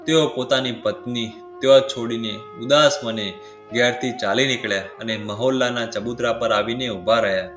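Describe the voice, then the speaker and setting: A male storyteller in a measured, solemn voice of middle pitch. The recording is roomy, and clear devotional music plays underneath. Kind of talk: scripted narration of a devotional story.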